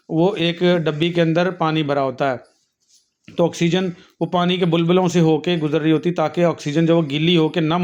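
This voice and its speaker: A nursing and health teacher patiently lectures his class on anatomy, walking students through diagrams and often calling them "beta," with frequent fillers and self-corrections. His voice is on the high side with a darkish tone, and the audio sounds dull.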